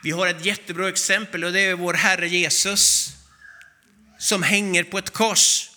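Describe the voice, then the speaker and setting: A male preacher with a high, very bright voice delivers a sermon. He tells stories with animation and acts out the voices of the people in them. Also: fairly even intonation.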